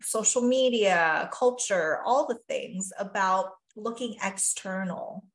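The low-quality recording, made in an echoey room, carries a Taiwanese physician and life coach speaking slowly at medium pitch. As a podcast guest in a reflective conversation, she is earnest and thoughtful, often saying "you know" and "really."

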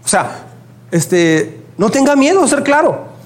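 High-voiced pastor from Chihuahua. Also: male voice, measured pace. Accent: northern Mexican (Chihuahua). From Chihuahua, Mexico. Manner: animated, acts out quoted dialogue. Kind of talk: sermon with personal storytelling.

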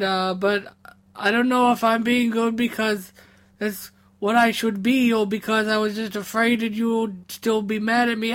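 A man playing a soft-hearted male troll, a little drunk, stumbling and restarting his words as he pours out apologies. He rambles on in a comedic phone bit, halting and sheepish. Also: high-pitched. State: tipsy. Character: sad, tipsy, sweet male troll. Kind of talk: prank phone call, comedic voicemail.

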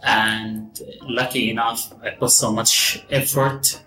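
A man in his forties from Gaza with a Palestinian Arabic accent, telling his personal story as an interview guest in halting, repeated phrases. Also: medium pitch, flat delivery, pushed and bright. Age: 40s. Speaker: interview guest, real estate executive. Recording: roomy echo, guitar music behind.

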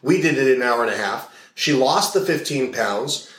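A man's voice: mid-range voice, expressive, moderate pace, fairly bright tone. A man with a mid-range voice talks through his coaching work as an interview guest. He tells long anecdotes and hammers home his points by repeating phrases. The sound bounces around a roomy space. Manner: explains in long stories, repeats key phrases. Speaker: guest, hypnotist and values coach. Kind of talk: casual interview talk with anecdotes.

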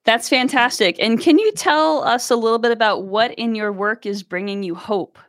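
A woman's voice: a little high, moderate pace, fairly bright tone. A woman hosting her weekly podcast, reading an upbeat intro and interviewing a guest. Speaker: podcast host.

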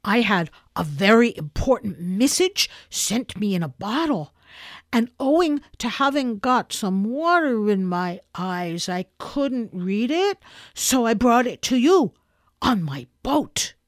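A woman voicing a simple, proud male teddy bear in a storybook reading, speaking plainly and gently. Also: fairly high pitch, very animated, takes it slowly, dry recording, studio quality.

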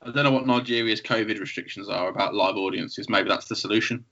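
A playful man co-hosting a podcast and trading jokey theories with a laugh. His voice is bright and forceful. The sound is a little muffled. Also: lowish voice, fairly even intonation, quick pace. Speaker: podcast co-host. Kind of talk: casual chat. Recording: slightly muffled.

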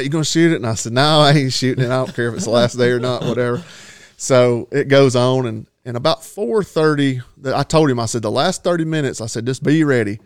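A man's voice: mid-range voice, smooth, no echo, clean studio sound. Folksy man telling a hunting story. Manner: rambling, folksy, laughs at his own story. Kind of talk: casual storytelling.

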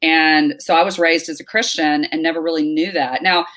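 A woman's voice: deep voice, moderate pace. A middle-aged woman from North Carolina, a guest telling stories in a casual interview with many fillers. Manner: lively storyteller, many fillers and restarts.

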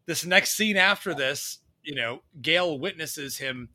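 A man's voice: fairly high pitch, animated, a little slow, sharp tone. A man co-hosting a podcast, recapping a movie in a blunt, joking way. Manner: joking, blunt, restarts sentences. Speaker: podcast co-host. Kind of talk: casual chat recapping a movie.

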